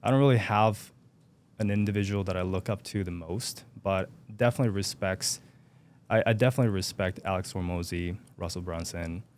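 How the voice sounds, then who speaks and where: Low-voiced young man, hesitant speech. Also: brisk, a little mellow, slight background noise. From Japan. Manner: hesitant, many fillers and restarts. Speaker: podcast guest. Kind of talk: casual interview chat.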